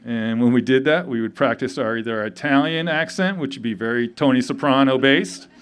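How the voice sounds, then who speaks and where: A man in his fifties, grieving, giving a halting memorial speech full of pauses and fillers at a tavern gathering. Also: medium pitch. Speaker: eulogy speaker. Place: tavern event.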